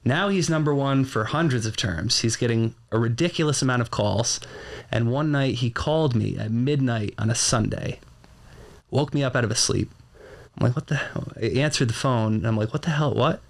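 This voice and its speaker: A man's voice: medium pitch, moderate pace. A man telling stories as a guest in a studio podcast interview, in a matter-of-fact way. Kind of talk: casual interview.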